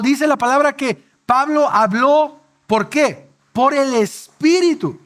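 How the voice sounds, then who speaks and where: A man preaching a sermon as pastor, speaking earnestly and directly to the congregation, dropping soft and slow at emotional peaks. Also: very high voice.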